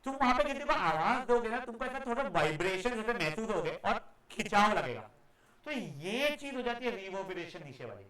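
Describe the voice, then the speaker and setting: A male teacher giving a live classroom lecture, acting out echoes for his students, calling them "beta" and now and then scolding them loudly. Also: high voice, big pitch swings, brisk. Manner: demonstrative, acts out echoes and calls students "beta".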